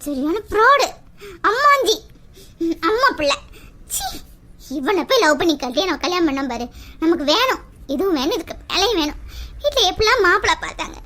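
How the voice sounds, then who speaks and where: A woman's voice: very high voice, big pitch swings, a little fast, long pauses, bright, forceful tone, voice pushed down, full character voice. A woman voicing a bitter young bride left by her husband, sneering and mocking in a family drama skit. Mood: bitter scorn.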